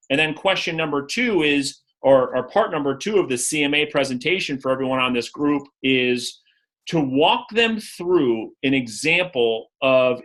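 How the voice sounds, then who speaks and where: A man coaching real estate agents on a live video call, direct and energetic, acting out sales scripts. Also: medium pitch, poor audio.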